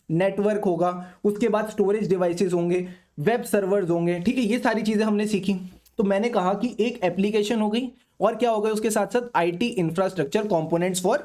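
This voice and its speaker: Young male lecturer, brisk revision style, poses questions and answers them himself, slows down for definitions. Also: sits high, darkish tone. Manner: asks and answers own questions, mixing Hindi and English; slows down reading English definitions. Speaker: CA exam lecturer.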